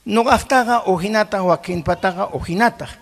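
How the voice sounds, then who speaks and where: Middle-aged pastor, high gravelly voice, punchy sermon delivery, keeps quizzing the flock, church hall echo trails off. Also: male voice, moderate pace. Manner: emphatic, keeps asking the congregation questions; mixes in Quechua words. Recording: long hall reverb.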